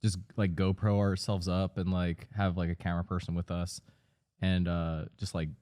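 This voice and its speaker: A man's voice: low-pitched, little pitch movement, moderate pace, a little mellow. A man in his early thirties, a podcast co-host, speaking in a laid-back, hesitant way as he searches for his words in casual chat. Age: 30s.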